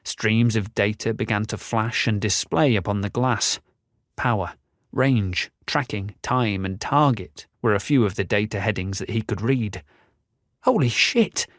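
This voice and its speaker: A man narrating a fantasy audiobook in a measured, descriptive reading. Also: fairly low pitch, dry recording, studio quality. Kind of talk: scripted narration.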